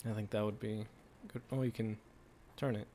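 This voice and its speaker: A man's voice: on the low side, flat delivery, moderate pace, dark tone, a little hiss or hum. A man doing casual game stream commentary, rambling and thinking aloud as he plays. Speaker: streamer playing a video game. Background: game music.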